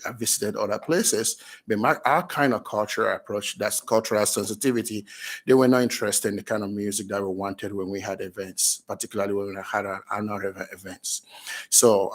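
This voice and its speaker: A man with a fairly low voice gives earnest testimony at a public hearing. He is a French speaker by birth who often stops and restarts his sentences. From Cameroon. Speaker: public testifier, business owner.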